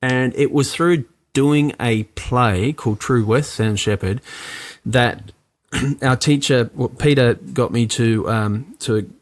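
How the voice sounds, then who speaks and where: A man's voice: mid-range voice, slow pace. Aussie guy in his 40s chatting on a podcast, lots of "you know", acts out lines. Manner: animated, many fillers, acts out quoted lines. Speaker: actor and producer guest. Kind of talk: casual interview chat.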